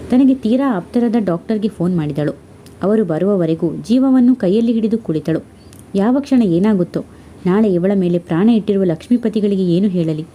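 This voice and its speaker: A woman reading a story aloud in a steady, measured way. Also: medium pitch, breathy edge. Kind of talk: scripted story narration.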